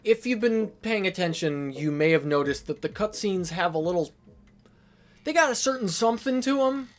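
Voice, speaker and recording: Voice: medium pitch, lively intonation, moderate pace. A person giving a casual, sweary, sarcastic video essay commentary on a video game. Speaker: video creator reviewing a game.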